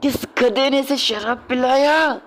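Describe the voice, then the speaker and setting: Stern, exasperated young woman, played by a woman; lower register, scolding. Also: measured pace, a little hiss or hum, low-quality recording. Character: stern, annoyed young woman scolding her drunk partner.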